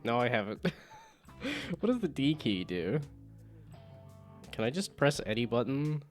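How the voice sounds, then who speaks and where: A man's voice: mid-range voice, big pitch swings, unhurried, faint music behind. A man streaming a game, chatting casually, laughing often and reading the game's text aloud.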